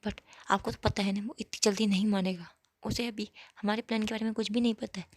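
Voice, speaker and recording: A woman voicing a young man plotting with his brother, in a quiet, even delivery. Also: mid-range voice, fast talker, dry recording, clean studio sound, natural voice. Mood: scheming.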